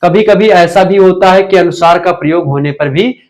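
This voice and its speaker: Hindi teacher drilling a live class. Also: male voice, high voice, normal speed, a little mellow. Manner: drilling, asks questions then answers them himself. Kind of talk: live online revision class.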